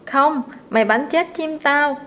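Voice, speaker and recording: A woman's voice: mid-range voice, steady tone, fairly quick, slight background noise, natural voice. A woman voicing a spoiled, demanding little rich boy in a storybook reading, whiny and bossy.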